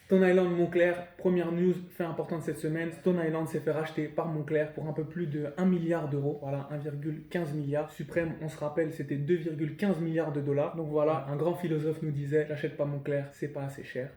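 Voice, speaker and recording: A man's voice: on the high side, flat delivery, warm tone, reverberant. Slangy young man hosting a comic chat. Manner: joking, slangy, quick asides. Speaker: show host. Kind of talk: casual comic news chat.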